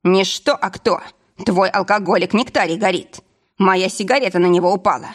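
Woman reading a wry, calm male driver. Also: medium pitch, moderate pace, natural voice. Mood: level. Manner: dry, matter-of-fact.

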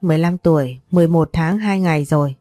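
A woman's voice: low voice, fast talker, warm tone, no echo, soft background music, lightly acted. A woman voicing a jealous, possessive wealthy older man who scolds and pleads.

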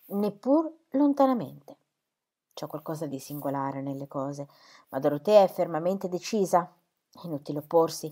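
A woman's voice: lowish voice, mellow. A woman voicing fussy rambling Mr Brooke. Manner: rambling, keeps adding "you know". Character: fussy rambling older gentleman. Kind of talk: audiobook character reading.

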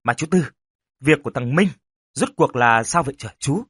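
A man's voice: medium pitch, lively intonation, normal speed, a bit bright, husky, dry recording, studio quality. A man voicing an uneasy young adult nephew who respectfully asks his uncle questions.

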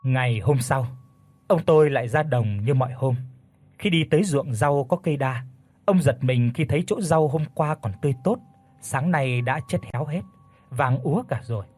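Husky-voiced storyteller. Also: male voice, mid-range voice, normal speed, darkish tone, dry recording. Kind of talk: audiobook ghost story narration.

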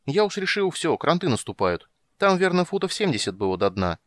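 A small, curious kender with a voice raised well above the reader's own, as a man puts him on. He tells his tale eagerly and breathlessly, with a lively, bouncing pitch. The recording is dry and close. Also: brisk, no room sound. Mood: excited.

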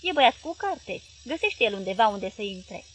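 A woman reading an audiobook plays a wife with a sugary, coaxing voice, pitched high and pleading as she reasons with her husband. Her lines come loud and lively. A faint hiss lies behind the voice.

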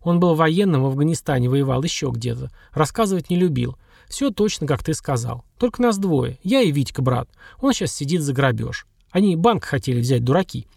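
A man's voice: a little high, gravelly, a little mellow, dry recording, clean studio sound. A man voicing a blunt streetwise young nurse. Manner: coarse slangy speech, wry chuckles. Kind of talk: audiobook dialogue.

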